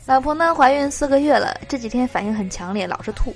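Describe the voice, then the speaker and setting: A woman's voice: sits high, expressive, quick pace, faint music behind. A woman hosting a comedy podcast, reading short jokes aloud in a chatty way and laughing between them. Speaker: podcast host.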